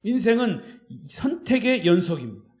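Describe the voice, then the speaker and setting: A man's voice: sits high, big pitch swings, moderate pace, darkish tone, reverberant. A man preaching a sermon as pastor, emphatic, with repetition and rhetorical questions. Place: church sanctuary.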